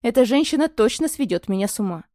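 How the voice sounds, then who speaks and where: A woman narrating a romance audiobook in the first person, with a fairly high voice. Her reading is calm and even, recorded close on the mic in a dry space without room sound. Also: fast talker, no echo.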